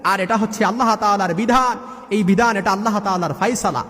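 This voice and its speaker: A man's voice: high-pitched, a little fast, fairly bright tone, long reverb tail. A man preaching a sermon in an emphatic manner, setting out religious rulings one by one and reciting verses. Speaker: Islamic preacher.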